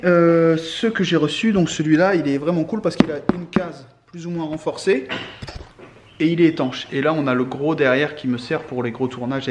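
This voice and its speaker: A man's voice: a little high, a little hiss or hum. A young man and father rambling casually on a vlog, with a joking manner and many fillers. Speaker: vlogger and father.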